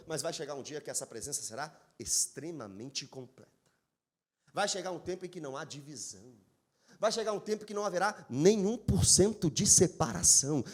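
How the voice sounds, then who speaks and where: A man's voice: high voice, darkish tone. A Brazilian man preaching a sermon to his congregation as pastor, emphatic and speaking to them directly. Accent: Brazilian Portuguese. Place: church sanctuary.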